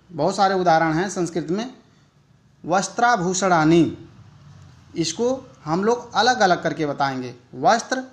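A man giving a recorded e-learning lecture, explaining slowly and deliberately and speaking worked examples aloud. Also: sits high. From India. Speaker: teacher educator.

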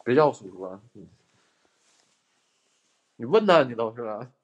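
A man's voice: medium pitch, sing-song, measured pace, dull audio. A young man hosts a ghost-hunting livestream from inside an abandoned house. He talks straight to his viewers in a loose, joking way and puts on bursts of mock outrage. His voice comes through a handheld phone. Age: young adult. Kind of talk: casual livestream chat.

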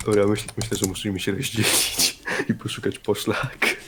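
A man's voice: on the low side, little pitch movement, moderate pace, gravelly. A young man bantering casually with a friend while gaming, joking crudely and swearing a lot. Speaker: gaming video co-host. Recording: faint background noise, keyboard clicking.

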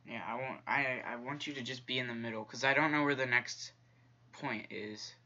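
A man's voice: mid-range voice, steady tone, moderate pace, sharp tone, muffled recording. A young man commenting on a horror game he is playing, jumpy and talking to the characters on screen. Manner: jumpy, talks to the game's characters, whispers when tense. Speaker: gaming YouTuber. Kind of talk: let's-play commentary.

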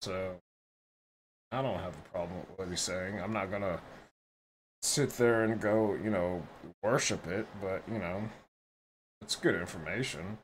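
A man's voice: low-pitched, a little slow, pauses often, a little hiss or hum, low-quality recording. A man hosting a reaction video, talking bluntly and rambling, with some profanity. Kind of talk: casual commentary.

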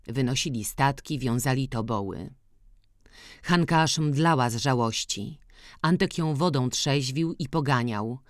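Brief: woman audiobook narrator, slow and steady, mid pitch, dry studio sound. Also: no echo. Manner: slow, measured, even reading. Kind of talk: scripted narration of a classic novel.

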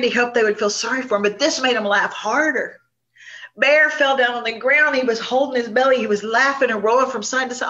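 A woman storyteller telling a traditional folk tale, animated and conversational. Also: a little high. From Chickasaw Nation. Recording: dull lo-fi recording.

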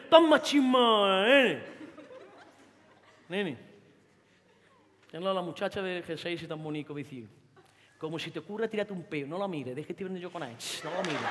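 A woman's voice: high-pitched, a bit bright, in a large hall. A woman playing a brash Andalusian teen boy. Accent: Andalusian, Jaén. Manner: brash, teasing, streetwise slang. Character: cocky macho teenage boy from Jaén. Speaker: actress. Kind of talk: theatre monologue. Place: theatre stage.

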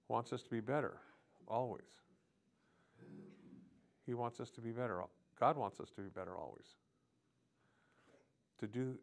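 A man delivering a sermon with a gravelly, creaky edge to his voice. He speaks in short, broken phrases and often restarts them. He moves earnestly between plain teaching and prayers spoken aloud. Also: medium pitch. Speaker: preacher.

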